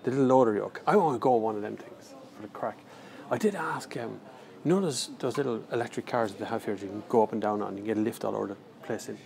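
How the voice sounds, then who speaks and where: Livestreaming on his phone from a big airport terminal, an Irish car reviewer answers viewers in a casual, rambling, jokey and slangy manner. He's a fast talker with a lowish, gravelly, darkish voice, and faint airport noise sits under the audio.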